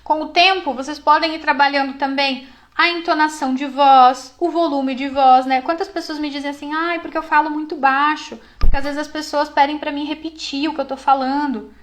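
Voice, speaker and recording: High-voiced woman coaching a live class. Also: brisk. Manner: encouraging, lively and conversational, with many fillers. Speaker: psychologist teaching a class.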